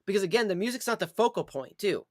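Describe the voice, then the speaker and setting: A man's voice: sits high, lively intonation, quick pace, darkish tone, no echo, studio quality. A man chatting casually on a livestream in a rambling, repetitive way, with some swearing. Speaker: live streamer.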